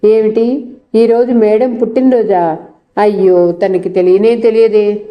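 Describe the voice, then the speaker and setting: A woman voicing a cheerful but hot-tempered young male college student in a slightly lowered, eager voice, read from a storybook. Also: steady tone, unhurried, highs cut off, close to an everyday voice.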